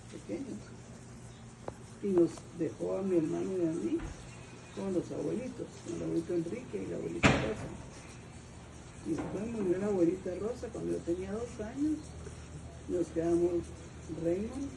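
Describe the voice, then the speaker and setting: Older Guatemalan woman, gravelly voice. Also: lowish voice. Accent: Guatemalan Spanish. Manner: rambling storyteller, restarts and hunts for names. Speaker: family elder interviewed about family history. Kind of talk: oral history interview. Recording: distant mic, noisy with birds cooing.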